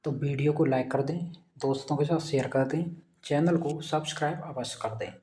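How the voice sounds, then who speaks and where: A man's voice: on the high side, steady tone, moderate pace, warm tone. A man teaching a recorded exam-prep lesson, posing his own quiz questions and answering them, repeating key points. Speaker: Hindi teacher.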